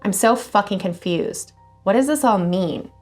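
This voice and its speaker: A woman voicing a frightened young male coworker on a late-night phone call, talking softly, shaky and close to tears. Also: mid-range voice, expressive, unhurried, faint music behind, lightly acted. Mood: weary dread. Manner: shaky, tearful, hushed.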